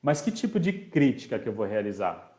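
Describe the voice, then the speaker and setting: A man teaching an online parenting course in a warm, mellow voice. He talks conversationally, reads viewers' comments aloud and replies, and keeps checking in with his audience. The sound is roomy, with a clear echo off the walls. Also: lowish voice, very animated, brisk. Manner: checks in often with tag questions. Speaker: special education teacher. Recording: echoey room.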